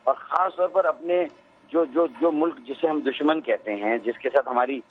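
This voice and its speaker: A man's voice: fairly high pitch, husky. A male politician on a phone line, arguing his point insistently and talking over the host.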